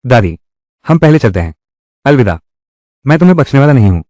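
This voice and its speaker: A man's voice: medium pitch, big pitch swings, fairly quick, a little mellow, no echo, studio quality. A man dubbing a family drama, voicing every role himself in a dramatic manner. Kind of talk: Hindi-dubbed drama, one voice for all roles.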